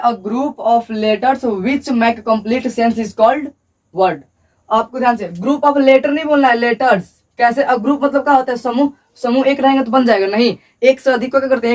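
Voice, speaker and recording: A man's voice: very high voice, recorded from a distance. A male teacher giving a classroom lecture at a board, repeating points and asking and answering his own questions.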